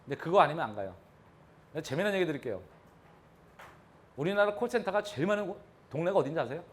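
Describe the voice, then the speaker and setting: A man's voice: a little high, sing-song, fast talker. A man giving a live real estate lecture, talking animatedly and throwing questions at his audience.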